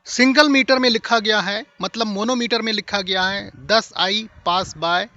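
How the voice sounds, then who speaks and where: A man's voice: high-pitched, pushed and bright, dry recording, lo-fi sound. A man teaching a lesson, explaining step by step and checking that the listener follows.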